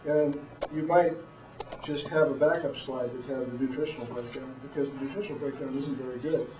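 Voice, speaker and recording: A middle-aged man giving blunt, plain-spoken, halting feedback as a judge of a student presentation. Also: mid-range voice, fairly even intonation. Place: room, far from the microphone. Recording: roomy, dull, distant microphone.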